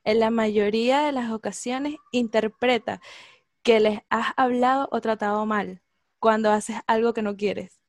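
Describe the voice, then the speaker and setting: A woman in casual chat, lively and slangy, laughing often and acting out quotes. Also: fairly high pitch, unhurried, no echo, clean studio sound.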